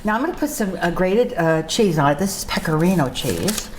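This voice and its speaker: A woman's voice: lowish voice, animated, a little fast, a little mellow, a little hiss or hum. A woman casually narrating while cooking, talking conversationally as host and repeating phrases for emphasis. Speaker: home cook and show host.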